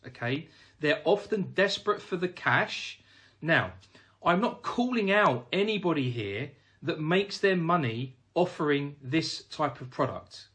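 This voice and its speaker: A man delivers an instructional talk straight to his viewers, calling them "guys" as he makes his points emphatically. His voice sits a little high, and his pitch moves in a lively, animated way. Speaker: business finance trainer. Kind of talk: direct-to-camera instructional talk.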